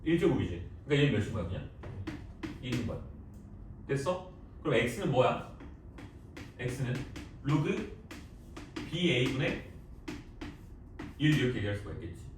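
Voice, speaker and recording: A man's voice: medium pitch, moderate pace, long pauses, recorded from a distance, noisy background. Man lecturing in an echoey classroom. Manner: lively, teasing, quizzes students with short questions. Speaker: math teacher.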